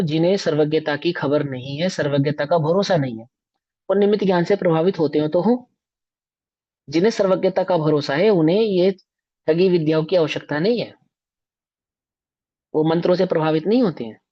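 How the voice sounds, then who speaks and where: A man's voice: fairly high pitch, fairly quick. A man giving a religious discourse as a scripture teacher, emphatic and full of rhetorical questions to his listeners. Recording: dull lo-fi recording.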